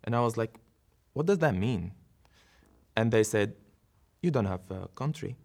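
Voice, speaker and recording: A man's voice: on the low side, lively intonation, measured pace, creaky, darkish tone. Earnest Syrian man telling his story. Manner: earnest, reflective, with short laughs and restarts. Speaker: interview guest, dancer. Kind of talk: personal storytelling in an interview.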